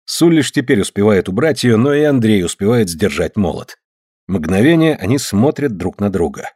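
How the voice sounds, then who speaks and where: A man narrating an audiobook in expressive storytelling. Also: fairly low pitch, moderate pace, slightly rough, no echo, clean studio sound.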